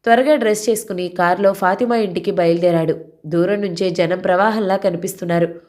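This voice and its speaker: Brief: female audiobook narrator, steady storyteller, even delivery. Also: on the low side, brisk. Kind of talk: novel reading.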